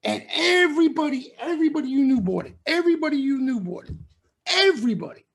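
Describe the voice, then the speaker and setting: A middle-aged stock trading commentator addresses traders in a members-only broadcast, his voice extremely high, very animated, quick, creaky and fairly bright. Bluntly emphatic, he lectures and warns his listeners, driving each point home by repeating it.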